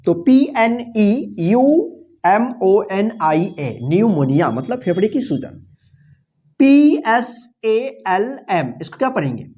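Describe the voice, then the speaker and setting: A woman teacher gives a classroom-style vocabulary lesson at an unhurried pace. She spells each word out letter by letter, quizzes her learners and patiently repeats each answer. Her pitch swings widely as she stresses the key words. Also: big pitch swings, dark tone. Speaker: English teacher.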